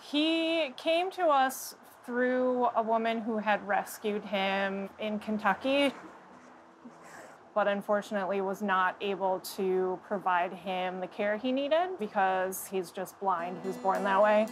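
A woman on the staff of an animal sanctuary, calmly explaining an animal's background outdoors. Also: medium pitch, measured pace, slight background noise, low-quality recording. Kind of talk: casual chat. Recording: with music underneath.

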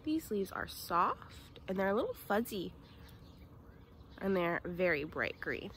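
This woman in her twenties sounds like a teacher leading little kids on a nature walk, asking questions in simple sing-song phrases. Her mid-range voice is sing-song, slow, and fairly bright. A phone at arm's length captures her outdoors in a residential yard, with a bit of background noise.

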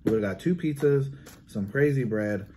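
A man co-hosting a food review vlog, talking matter-of-factly and trailing off quietly at the ends of his points. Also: medium pitch, normal speed, slight background noise. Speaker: mukbang co-host. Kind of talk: casual food review chat.

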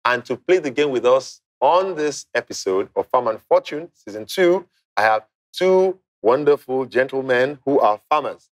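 On a television studio set, a middle-aged quiz show host performs with theatrical flair, varying his pitch and drawing out important words. He speaks expressively at a moderate pace with few pauses, miked on his lapel with soft music behind.

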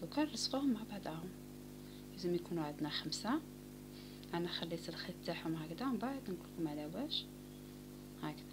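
A woman with an Algerian Arabic accent walks through crochet steps at a brisk clip, her voice often sinking to a soft near whisper. Steady background noise runs under her homemade recording. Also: lowish voice. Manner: calm instructive talk, often dropping to a near whisper. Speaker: crochet tutorial host. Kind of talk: step-by-step craft tutorial.

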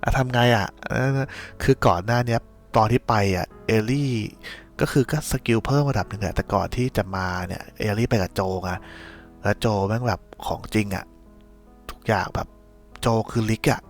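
A man's voice: lowish voice, moderate pace, faint music behind. A man hosting a podcast, telling a casual spoiler recap of a series in a rambling, slangy way with many restarts. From Thailand.

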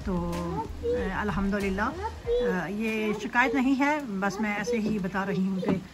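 A woman from Pakistan vlogging casually about rain, talking slowly and thoughtfully with many fillers, filming on a phone from her back door. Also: mid-range voice, very animated, over loud music. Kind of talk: casual vlog chat, switching between English and Urdu. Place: at an open back door of a house, looking onto a garden. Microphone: phone camera held in hand.

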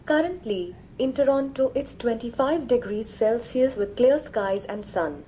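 Answering questions politely, a fairly high-pitched synthetic female assistant voice comes from a small smart speaker in a room. It's unhurried, even, and clearly machine-read. The recording is rough, with slight background noise.

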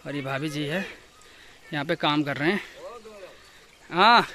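A man's voice: on the high side, a little slow. A young man from Uttarakhand narrating a walking vlog through his hill village, recorded outdoors on a handheld camera, greeting neighbours as he goes. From Uttarakhand, India. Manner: chatty, greets villagers warmly with loud calls. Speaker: vlogger.

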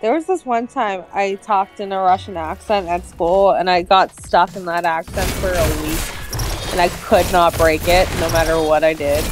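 A woman's voice: on the low side, fairly even intonation, moderate pace. A woman co-hosting a game stream, making dry, joking remarks in casual chat. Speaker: co-host. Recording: faint game music behind.

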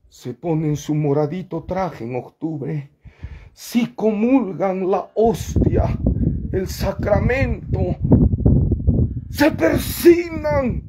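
A Peruvian man with a Peruvian Spanish accent talks slowly and preachily in a slightly high voice. He slips from mumbled asides into sharp, dramatic outbursts. It is a live phone video taken outdoors, with loud street noise, horns and passing vendors behind him. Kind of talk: ranting live monologue.

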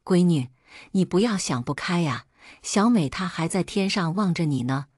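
A woman's voice: on the low side, lively intonation, moderate pace, a little mellow, slightly rough, dry recording, clean studio sound. A woman voicing a worried older mother who pleads and soothes her grieving daughter. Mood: tearful.

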